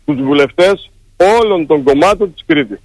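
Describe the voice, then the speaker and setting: A sleepless, exhausted union secretary from Crete, speaking in an agitated and pleading way in a live radio interview. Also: male voice, fairly high pitch, rough recording.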